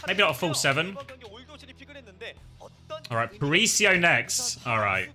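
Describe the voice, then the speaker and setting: A man in his thirties with a very bright, sharp voice that swings up and down a lot, rambling through a casual livestream commentary. He corrects himself often and chats to viewers and a helper, with faint music underneath. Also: a little high, very animated, a little slow. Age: 30s. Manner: rambling, self-correcting, talks to chat and a helper. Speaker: esports co-streamer.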